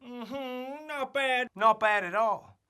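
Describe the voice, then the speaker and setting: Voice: mid-range voice, takes it slowly, very noisy, close to an everyday voice. A performer voicing a goofy cowboy sheriff mascot for kids in a put-on American cowboy drawl, hammy and showy. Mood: hammy cheerful. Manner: hammy, showy, yelling catchphrases. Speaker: road-safety mascot addressing children. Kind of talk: scripted kids' safety promo.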